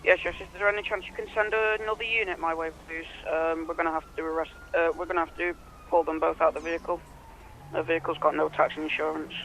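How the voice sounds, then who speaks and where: A man with a high-pitched, flat voice radios in as a police officer in a role-play. His delivery is procedural and halting, with faint siren and vehicle noise behind him. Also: poor audio.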